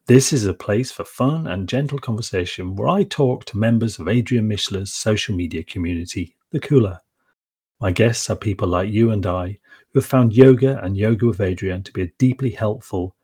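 Guy hosting a chill podcast, low husky voice, gentle and friendly. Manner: gentle, friendly, with restarts and fillers. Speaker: podcast host. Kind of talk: casual podcast introduction.

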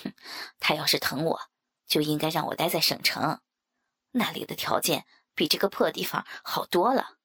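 Brief: woman playing a low, husky, bored rich kid, lazy and dismissive. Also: normal speed, a bit bright, no echo, studio quality, full character voice. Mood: sulky. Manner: listless, grumbling, dismissive. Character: bored spoiled young man, sulky and lazy.

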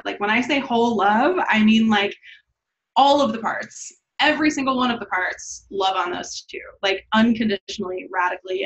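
Host, woman. Frank, profane, filler-heavy talk; tense, bright voice; muffled lo-fi sound. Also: mid-range voice. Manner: candid and profane, says "like" often. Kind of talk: casual heart-to-heart chat. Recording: slightly dull lo-fi sound.

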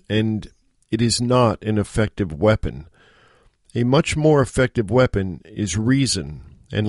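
A middle-aged American man hosting a solo podcast, speaking in an earnest, measured, exhorting monologue. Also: medium pitch, no room sound, clean studio sound. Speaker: podcast host. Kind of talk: solo monologue on self-improvement.

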